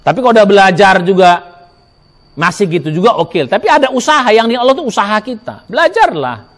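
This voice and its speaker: A male preacher gives a Ramadan sermon in a mosque, his voice pitched high and leaping up and down as he stresses each point. He spells out Arabic letters one by one and asks his listeners questions that he then answers himself. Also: sing-song, fairly quick, fairly bright tone. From Indonesia.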